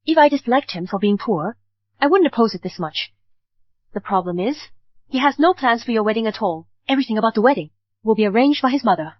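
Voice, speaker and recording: A woman dubbing a calm, protective mother who earnestly advises her daughter. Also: on the high side, fairly quick, no echo. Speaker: bride's mother. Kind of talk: English drama dub. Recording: dull dry studio dub.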